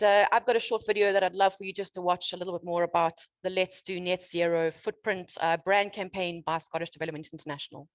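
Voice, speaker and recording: A woman's voice: mid-range voice, no room sound. A woman hosting a business showcase session, speaking informally with many hesitations and fillers. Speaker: conference host.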